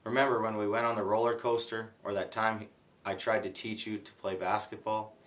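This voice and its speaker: A gruff but fond older keeper speaks in a children's book reading, read by a man. His voice is low and plain, the reader's own voice with no real character change. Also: little pitch movement, brisk, a bit bright, lightly acted. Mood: wistful.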